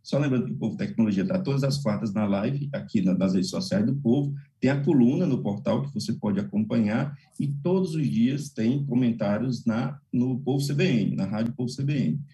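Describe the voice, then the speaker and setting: A man's voice: medium pitch, brisk, few pauses, dark tone, poor audio. A man with a Brazilian accent hosting a live interview show in a courteous, informal manner. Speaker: host.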